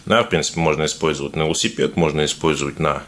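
This male video blogger has a very deep, fairly bright voice with fairly even intonation, and his R sounds are mispronounced with a burr. He offers halting, casual unboxing commentary, chatting informally with viewers. The recording has clear background noise and clicks.

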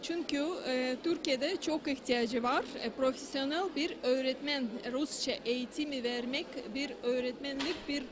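A woman in her forties interprets in a high voice. Her phrasing is halting and non-native, and the indoor event is clearly noisy behind her. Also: fairly even intonation. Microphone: handheld reporter microphone.

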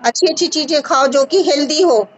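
A woman in her thirties hosts a live video call from a curtained room at home, calmly advising a caller on a skin remedy and checking in with short questions like "है ना?" in a reassuring way. Her voice is high-pitched and fairly quick. The phone's front camera picks her up with the highs cut off and a loud crowd in the background.

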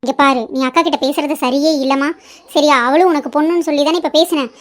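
A woman's voice: high voice, steady tone, fast talker, natural voice. A woman voicing a spirited young woman who scolds her mother and defends her elder sister in a cartoon. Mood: indignant. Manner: indignant, earnest, protective. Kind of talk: cartoon voice acting.

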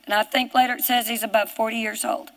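Woman preacher, Southern US accent, fervent, reads scripture, high pitch. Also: little pitch movement, fast, long reverb tail, poor audio. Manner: fervent, rising to shouts, reads scripture aloud. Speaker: preacher on a ministry broadcast. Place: television studio set.

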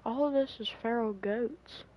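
A woman's voice: a little high, a little slow, highs cut off. A woman chatting casually outdoors at dusk on a hunt, teasing and sarcastic. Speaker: hunting companion. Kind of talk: casual chat while hunting.

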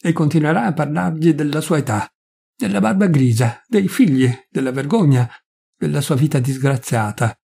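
A man reading a long story aloud as narrator, measured and expressive. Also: a little high, gravelly, slightly rough. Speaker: reader. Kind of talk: audiobook narration.

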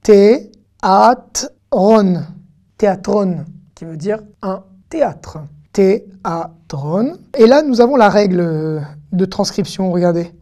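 Mellow-voiced woman teaching a language lesson. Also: medium pitch. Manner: repeats each word slowly and clearly, then explains. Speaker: Hebrew teacher.

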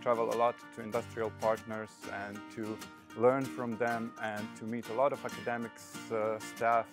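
A man's voice: fairly low pitch, flat delivery, moderate pace. Young adult man, PhD student, earnest; music under voice. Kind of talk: interview.

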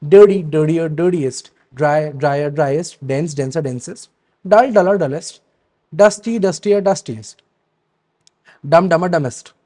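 A man teaching a grammar lesson, checking in with a frequent "right?" and pausing to hesitate. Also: fairly high pitch. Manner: reads word lists in a steady, falling rhythm. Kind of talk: explaining grammar rules to students.

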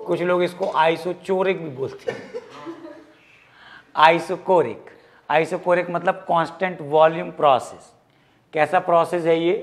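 Lively, high-voiced man teaching physics. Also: normal speed. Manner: lively, jokey, mixes English terms into Hindi. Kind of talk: classroom lecture.

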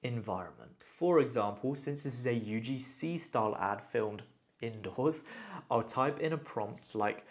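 A man's voice: medium pitch, measured pace. A man hosting a casual tutorial, enthusiastically talking the viewer through each step. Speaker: tutorial host. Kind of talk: casual screen-recorded tutorial.

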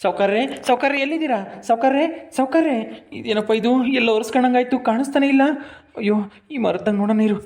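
A man's voice: very high voice, brisk, darkish tone. A man playing a loyal, blunt village servant, calling out and scolding plainly in a rustic comedy skit. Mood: searching, worried. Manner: calls out repeatedly, scolds and reassures plainly.

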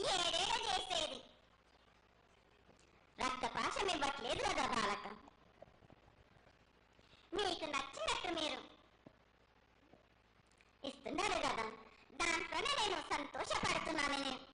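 A woman's voice: very high voice, animated, unhurried, long pauses. A woman speaking as a festival oracle in a declamatory, repetitive prophetic trance voice. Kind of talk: ritual prophecy spoken as the goddess. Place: temple festival ceremony. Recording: echoey, very noisy live festival broadcast.

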